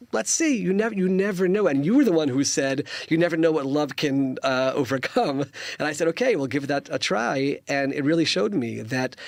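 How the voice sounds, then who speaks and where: Slightly high and creaky, the voice belongs to a US-born man in his fifties, a politician appearing as a studio interview guest. He comes across as earnest and preachy and keeps restarting his sentences, captured in a dry recording.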